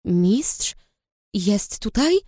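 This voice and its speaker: A woman's voice: mid-range voice, big pitch swings, drawn-out words, dark tone, dry recording, clean studio sound, heavily acted. A woman voicing a shaken young woman rider who asks hesitant questions, in an audiobook reading. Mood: unsure.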